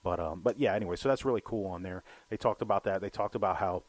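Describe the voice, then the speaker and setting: Speaking fast in a low voice, a man co-hosting a film podcast chats casually and rambles, swearing a lot and repeating "you know" over and over. The sound is dry.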